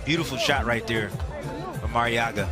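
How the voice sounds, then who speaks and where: A man's voice: medium pitch, moderate pace. A man giving casual, blunt color commentary on live boxing in short, repeated reactions. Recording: loud crowd and music behind.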